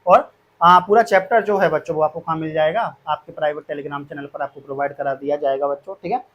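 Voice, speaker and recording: A man with a notably high-pitched voice speaks to his students like a teacher. He explains plans step by step, often circling back and repeating himself to reassure them. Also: steady tone, fast talker, highs cut off, a little hiss or hum. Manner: repetitive, reassuring, addresses students as kids. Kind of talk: explaining course fees to students.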